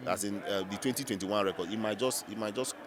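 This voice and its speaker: A man's voice: fairly low pitch, fast, a crowd in the background. A man with a Nigerian accent giving unscripted football reaction as a fan, emphatic and repeating phrases for effect.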